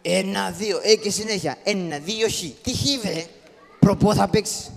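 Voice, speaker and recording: A man voicing Karagiozis, gravelly comic father. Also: high-pitched. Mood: teasing. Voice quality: gravelly, bossy, teasing. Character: Karagiozis, scrappy poor comic father, loud and scolding. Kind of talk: live shadow-puppet theatre. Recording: echoey hall, live show.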